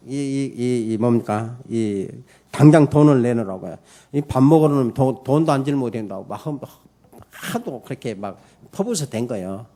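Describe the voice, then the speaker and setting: A man's voice: mid-range voice, dark tone. A man pastor giving a Sunday morning sermon in church, preaching emphatically, calling for amens and telling a story with many fillers. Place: church service.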